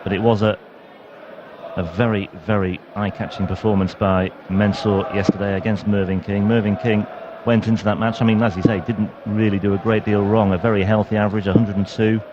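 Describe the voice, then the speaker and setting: A man's voice: lowish voice, level tone, a little fast, highs cut off, noisy background. A man giving live darts commentary as a co-commentator.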